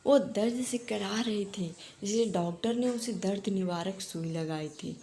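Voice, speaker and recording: A woman's voice: medium pitch, measured pace, warm tone. A woman narrating a dramatic story with emotion, speaking the characters' lines herself.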